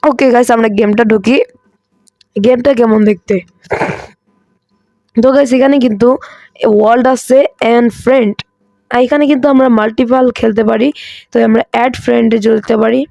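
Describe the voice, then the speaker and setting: A hoarse man hosting a gaming channel, chatty and excitable as he comments on mobile gameplay, with English phrases mixed in. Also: extremely high pitch, normal speed, pauses often, no echo. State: hoarse, coughing.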